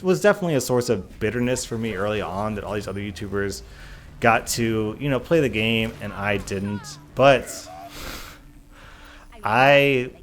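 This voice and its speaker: A fairly low-pitched, a bit bright voice with lively intonation and normal speed belongs to a YouTube gaming content creator. He reads and answers questions in a casual Q&A vlog, earnestly driving points home with repeated, emphatic phrases, over a little hiss or hum.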